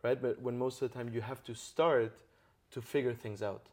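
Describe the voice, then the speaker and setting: A podcast host conducts an interview, earnestly explaining ideas and checking in often with tag questions. His mid-range voice stays steady at a moderate pace.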